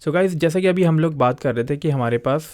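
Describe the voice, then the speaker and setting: Guy explaining test steps to viewers, keeps repeating himself, warm low-key voice. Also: brisk, dry recording. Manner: addresses viewers as guys, repeats points with "that is". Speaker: exam prep tutor. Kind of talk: online lesson, reading aloud and explaining.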